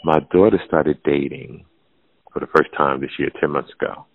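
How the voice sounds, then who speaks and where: A man in his forties, a podcast guest talking casually and bluntly, swearing freely and dropping to a hushed murmur on painful subjects. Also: fairly even intonation, moderate pace, creaky, dry recording. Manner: blunt, profane, emphatic, calls listener "fam"; drops to a hushed, low murmur when telling something painful. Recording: phone-like narrow sound.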